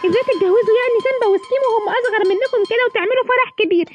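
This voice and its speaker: A woman's voice: extremely high pitch, racing, voice pushed up. A woman with an Egyptian accent voicing an upset little girl in a children's toy story. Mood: reproachful. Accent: Egyptian Arabic. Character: upset little girl scolding her grandmother. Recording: music playing behind.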